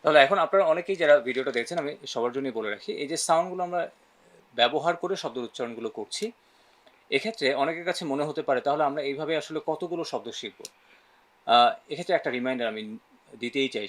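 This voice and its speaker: A man runs a pronunciation lesson, switching between Bengali and English. He leads repeat-after-me drills sound by sound and keeps checking in with his listeners. His pitch sits at a middle level for a man. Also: a bit bright. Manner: asks frequent "right?" check-ins.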